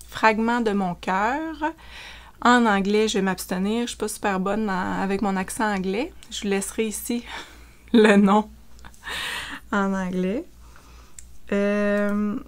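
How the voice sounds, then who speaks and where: A woman with a Quebec French accent, casually chatting through a knitting vlog with frequent fillers. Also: mid-range voice. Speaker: knitting vlogger. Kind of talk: casual show-and-tell chat.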